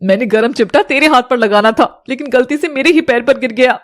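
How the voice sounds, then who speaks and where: A woman's voice: high voice, a little fast, lightly acted. A woman voicing a cruel, taunting stepmother in a storybook drama, with a harsh, cackling manner. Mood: complaining. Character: cruel, gloating adult stepmother.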